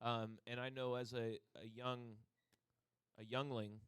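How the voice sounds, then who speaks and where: This New Jersey co-host talks slowly in a medium-pitched, level voice with a fairly bright, clean tone. On a laid-back podcast about metal albums, he wanders through jokes and tangents, putting on exaggerated voices for quotes.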